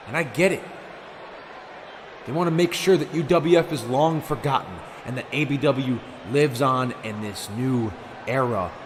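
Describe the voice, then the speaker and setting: A man delivering a dramatic professional wrestling promo in an intense, bitter, emphatic way with deliberate pauses. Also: medium pitch, noisy background.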